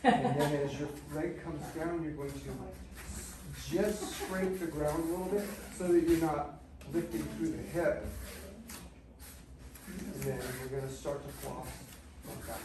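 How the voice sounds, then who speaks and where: Echoey, distant man leading an exercise class. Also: on the high side. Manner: measured, technical, instructing in short phrases. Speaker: movement class instructor. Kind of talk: step-by-step exercise instruction. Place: large indoor studio with treatment tables. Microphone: far camera microphone. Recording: distant mic, very echoey, noisy room.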